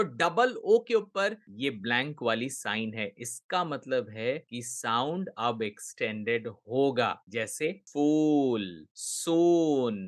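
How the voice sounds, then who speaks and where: A man with an Indian English accent teaching pronunciation, drawing out example words slowly and in a lively way. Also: on the high side. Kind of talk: pronunciation lesson.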